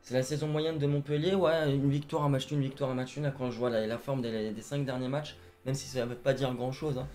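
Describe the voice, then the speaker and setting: A young man co-hosting a casual football chat, talking fast and directly to viewers. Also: medium pitch, fairly even intonation, darkish tone, soft background music. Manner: chatty, addresses viewers as "les gars". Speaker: football channel co-host.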